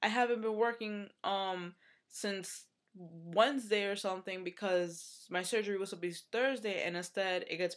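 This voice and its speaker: A woman's voice: mid-range voice, a bit bright. A young woman from the United States in a casual vlog, venting with frustration, swearing and using lots of fillers, with a runny nose. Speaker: vlogger.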